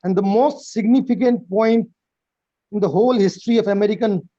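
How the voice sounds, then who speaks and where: A man from Nepal giving a prepared, formal talk over a video call, in a measured way and often starting with "well". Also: high-pitched, warm tone, no echo. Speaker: guest speaker. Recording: dull, dry video call audio.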